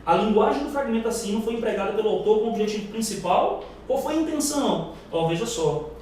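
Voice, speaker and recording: A man's voice: high voice, animated, fast, a little mellow. A male teacher with a Brazilian Portuguese accent running a live exam-prep class, quizzing the room in an emphatic, slangy way. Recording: echoey room, far mic, faint noise.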